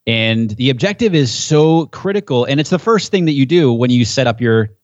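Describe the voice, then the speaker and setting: An enthusiastic man explains his subject as a podcast guest, talking in a loose conversational way and getting more animated as he warms up. His voice sits at an average pitch, and the sound is dry and a little dull. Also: moderate pace, no echo. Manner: enthusiastic, gets pumped up and animated.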